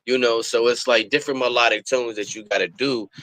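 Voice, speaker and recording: A man with a bright, forceful voice talks easily as an interview guest. He is a rapper who tells long, winding stories full of fillers and little restarts, at a middling pitch. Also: steady tone, fairly quick, no echo, poor audio. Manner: rambling storyteller with many fillers. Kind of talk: casual interview chat.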